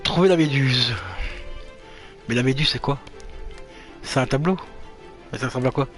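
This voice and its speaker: A man's voice: medium pitch, moderate pace, faint music behind. A man streaming a video game, muttering to himself and swearing as he searches around. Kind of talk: casual gaming commentary.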